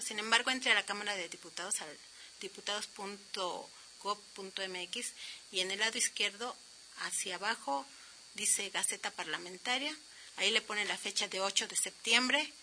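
Bright-voiced woman radio host. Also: mid-range voice, normal speed, slight background noise, rough recording. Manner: explanatory, addresses listeners directly. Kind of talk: radio news commentary.

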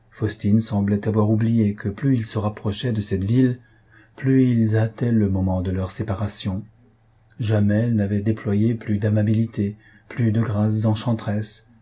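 A man narrating a classic novel in a steady, measured reading. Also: on the low side, husky. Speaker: audiobook narrator.

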